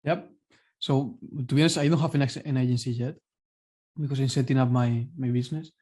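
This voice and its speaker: A man's voice: mid-range voice, fairly even intonation, brisk, warm tone. A man on a video call explaining his plans to a coach, hesitant and thinking aloud. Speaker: coaching client. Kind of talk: asking questions on a call.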